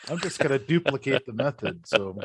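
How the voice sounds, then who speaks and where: A man's voice: mid-range voice, animated, fairly quick, creaky, husky, no room sound. A man calling in over a glitchy call connection that keeps breaking up, teasing the speaker. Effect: glitchy call audio, breaking up.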